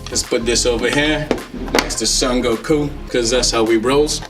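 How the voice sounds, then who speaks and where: A man from the Netherlands does casual, enthusiastic unboxing commentary as a tech reviewer and video host, joking around in a playful, slangy style. His mid-range voice is a bit bright, with fairly even intonation at normal speed, and faint music plays behind him.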